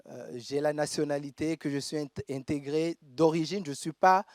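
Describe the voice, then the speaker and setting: A man from Togo, preaching a sermon in a church and reading scripture aloud with measured pauses. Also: fairly high pitch, no echo, clean studio sound. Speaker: pastor.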